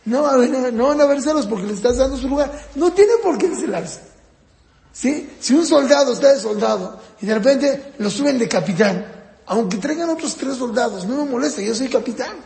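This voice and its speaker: A man's voice: very high-pitched, lively intonation, brisk, creaky, a little mellow. A man giving a lesson on raising children, asking his listeners questions and acting out children and parents in raised voices. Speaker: parenting teacher. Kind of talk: lecture on child rearing. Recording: echoey hall with long reverb.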